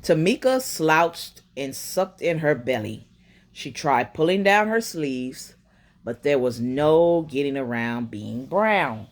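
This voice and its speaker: Reading slowly in a low register, a woman performs a children's picture book as a bedtime story. She's expressive throughout and murmurs quiet asides.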